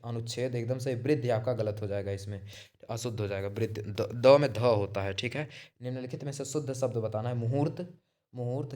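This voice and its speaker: A man with a dark, mid-range voice explains quiz answers for exam prep, going through multiple-choice options and repeating key terms. He is repetitive, checks in with the listener using "theek hai," and often restarts and corrects himself mid-word.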